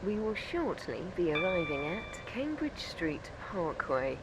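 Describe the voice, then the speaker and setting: A woman's voice giving formal, clipped onboard train station announcements over a loudspeaker. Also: on the low side, very animated. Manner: measured, clipped, formal delivery. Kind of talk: automated transit announcements. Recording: game audio with train noise behind. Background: train running noise.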